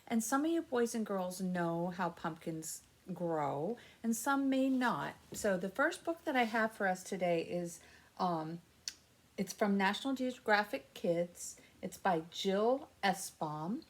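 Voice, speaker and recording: With a medium-pitched voice, a woman hosts story time for young kids. She reads aloud expressively, explains things in simple terms, and asks the listeners questions.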